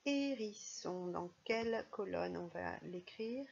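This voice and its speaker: A woman's voice: on the low side, animated, slow pace, gravelly, a little mellow, breathy edge, lo-fi sound. A woman teaching a primary school phonics lesson, speaking patiently and stressing each sound and syllable.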